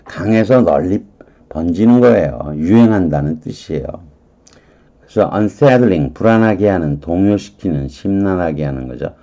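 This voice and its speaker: A man teaching English vocabulary and grammar in an online lecture, reading words aloud and explaining each one deliberately. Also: sits low, animated, dark tone, dull audio. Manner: slow, deliberate, reads English words aloud then glosses them.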